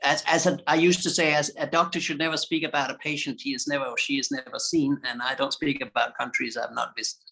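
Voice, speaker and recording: A man answers audience questions candidly, hesitating now and then. His voice is gravelly with a bright, forceful edge. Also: a little high, steady tone, fast, few pauses, poor audio. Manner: candid, hesitant, with small laughs. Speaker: invited speaker.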